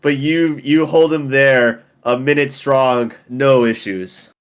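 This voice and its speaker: A man's voice: mid-range voice, slow pace, smooth. A man narrating as game master of a tabletop game, casual and peppered with fillers.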